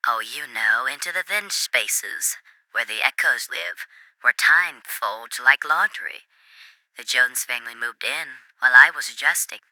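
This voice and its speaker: A woman playing an eerily serene wall-dwelling caller in an ASMR role-play, with a nervous, hushed, confessional manner on a comedy radio show. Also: rumbling low, unhurried, dry recording, full character voice, low-quality recording. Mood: hushed, eerie calm. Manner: nervous, hushed soft-spoken like a late-night confession. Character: creepy, serene woman living inside house walls.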